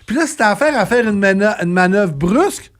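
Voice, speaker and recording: Animated Québécois man, lively pitch. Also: a little fast. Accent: Québécois French. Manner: animated, emphatic, addresses the listener directly. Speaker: trucker podcast co-host. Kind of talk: casual podcast discussion.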